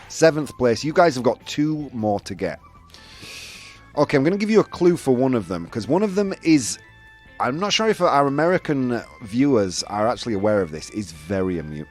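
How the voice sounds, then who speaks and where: A British man hosting a casual livestream game and reading out viewers' answers in a chatty way. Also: medium pitch. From United Kingdom. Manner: chatty, reads viewer answers aloud, animated. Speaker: show host. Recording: faint background music.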